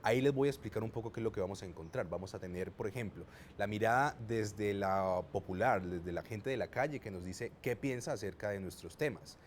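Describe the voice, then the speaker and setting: Colombian man, tv host, low voice, introducing segments, faint noise behind. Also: a little fast, few pauses. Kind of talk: presenting a magazine show.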